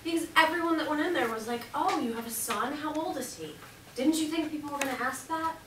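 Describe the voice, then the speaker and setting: An actress on stage playing a blunt, wry young pregnant woman who is quick to tease. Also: high voice, fairly bright tone. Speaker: stage actor. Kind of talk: stage play performance. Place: theater stage. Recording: echoey room, far-off mic, noisy.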